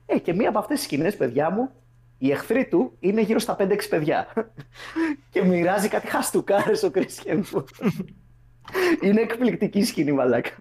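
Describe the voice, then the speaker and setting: A man's voice: sits high, big pitch swings, long pauses, a little mellow, husky. A young man hosting a casual podcast chat, bantering loosely with friends and laughing often. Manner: laid-back banter, frequent laughing and swearing. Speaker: podcast host.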